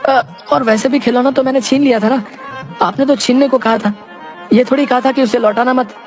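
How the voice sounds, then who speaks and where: A voice actor playing a dim-witted, soft-hearted male apprentice thief who pleads and whines to his boss in a cartoon. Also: medium pitch, steady tone, fairly quick, faint music behind, pitched above the performer's own voice, lightly acted. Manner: pleading, whiny, humble, calls the boss sir. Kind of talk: cartoon voice acting.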